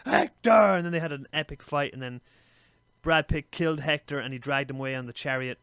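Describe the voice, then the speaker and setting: A man co-hosting a podcast, chatting casually and retelling a story with an animated, swearing manner. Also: medium pitch, quick pace, clean tone, dry recording. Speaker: podcast co-host.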